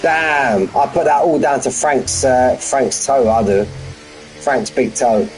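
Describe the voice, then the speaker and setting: A sim racing commentator calls a race live on a stream from his front room, chatty and bantering with his viewers. His medium-pitched voice moves at a slow pace, with faint music behind him and a rough recording.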